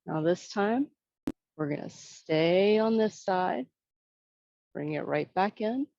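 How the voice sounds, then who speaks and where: Serene, slow-paced woman guiding tai chi. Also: on the low side, lively intonation, mellow, dry recording, highs cut off. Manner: serene, soothing, unhurried tai chi cueing. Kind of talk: gentle guided movement cues.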